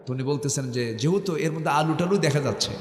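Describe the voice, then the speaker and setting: A man's voice: on the high side, fast, faint music behind. Middle-aged male preacher, North Bengal accent, call-and-response sermon, roomy echo. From Bangladesh. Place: large outdoor sermon gathering. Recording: echoey hall, long reverb.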